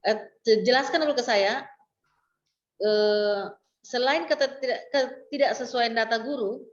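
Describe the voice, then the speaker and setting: A woman's voice: a little high, unhurried, roomy sound. Woman instructor on a lo-fi video call. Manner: explains step by step with many fillers and restarts. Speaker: training instructor. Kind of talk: online class instruction.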